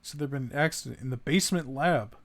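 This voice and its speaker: A man's voice: medium pitch, quick pace. A man streaming a horror game, commenting casually, swearing when startled and reading in-game notes aloud. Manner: jumpy, swears when startled, laughs at grim text.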